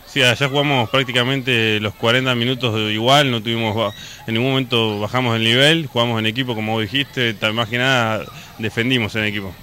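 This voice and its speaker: A man's voice: medium pitch, steady tone, fairly quick, bright, forceful tone. A young man with an Argentine accent, a basketball player giving plain, modest answers in an interview. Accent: Argentine Spanish.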